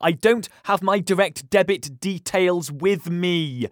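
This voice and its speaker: A man's voice: high-pitched, slow, no room sound, studio quality, voice pushed up. A man voicing an eccentric, cryptic, cheeky ancient village woman in a comedy audio drama.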